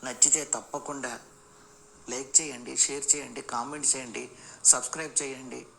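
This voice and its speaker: A man narrating a comic audio story in an expressive, lively way. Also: mid-range voice, moderate pace, vocal fry. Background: background music.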